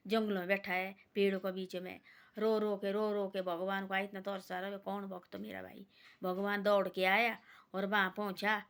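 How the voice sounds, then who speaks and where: A woman tells a devotional folk tale in a loose, chatty way. She rambles and repeats herself, slipping the same little tag between each quoted line. Her voice sits at an ordinary pitch for a woman. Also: level tone, normal speed, creaky, fairly bright tone, clear, resonant tone. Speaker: storyteller. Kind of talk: casual devotional storytelling.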